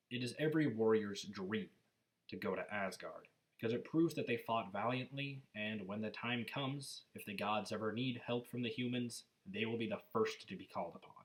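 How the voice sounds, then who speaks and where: Low-pitched man telling myths. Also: rough recording. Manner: storytelling, explanatory. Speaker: narrator explaining mythology. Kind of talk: informal educational narration of myths.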